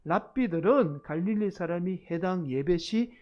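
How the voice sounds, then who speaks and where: A man's voice: high voice, animated, normal speed. Male pastor preaching, dull lo-fi sound. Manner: storytelling, addresses the congregation directly. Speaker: senior pastor. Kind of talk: expository sermon.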